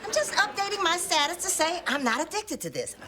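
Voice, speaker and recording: A woman's voice: extremely high pitch, sing-song, a little fast, a loud crowd. An actress playing a sassy, defensive mother hooked on social media in a sitcom. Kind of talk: sitcom acting. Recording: studio audience laughter, noisy. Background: live audience laughter.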